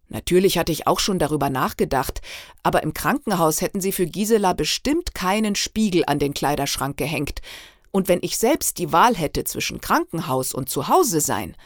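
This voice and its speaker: Woman reading a novel, low voice but really expressive, dry recording. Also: no room sound. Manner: expressive storytelling. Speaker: reader. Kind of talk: audiobook reading.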